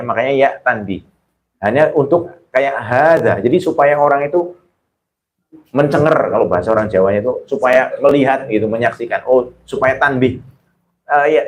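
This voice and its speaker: A man teaching Quran exegesis to a women's study group, explaining Arabic terms and quizzing his listeners with questions. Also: poor audio. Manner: acts out exaggerated exclamations with rising pitch. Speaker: Islamic religious teacher.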